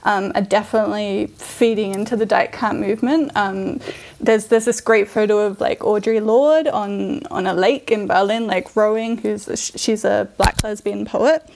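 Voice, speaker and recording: A female writer is a guest on a podcast. Her voice sits at a middle pitch. She thinks aloud and reflects as she answers, padding her points with casual fillers. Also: steady tone, normal speed, vocal fry, background noise. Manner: thoughtful, filler-heavy, laughs easily. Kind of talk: interview answers.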